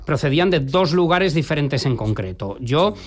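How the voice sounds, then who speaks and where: A man interpreting the guest's answers in a steady, measured voice-over. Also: fairly high pitch.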